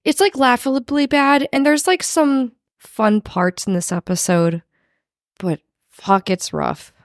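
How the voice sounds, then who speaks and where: A woman co-hosting a casual recap podcast, talking informally with a creaky voice full of vocal fry. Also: on the high side, slow, dry recording, studio quality. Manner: informal, swearing, frequent "like". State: husky from recent covid. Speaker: podcast co-host.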